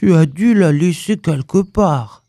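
A woman voicing a kindly, simple-minded male teddy bear in a storybook reading, gentle and earnest. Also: low voice, expressive, unhurried, vocal fry, no echo, exaggerated voice.

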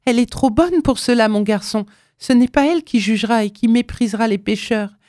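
A woman's voice: a little high, fairly quick, darkish tone, no room sound, studio quality, voice pushed up, close to an everyday voice. A woman voicing a tender old mother who pleads fervently with her son in a read-aloud story. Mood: pleading. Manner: fervent, imploring.

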